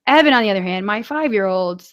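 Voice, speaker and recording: A woman's voice: mid-range voice, animated, fast, highs cut off. A woman in her forties chatting casually as a podcast co-host, telling stories full of fillers and light laughter. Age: 40s. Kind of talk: casual chat.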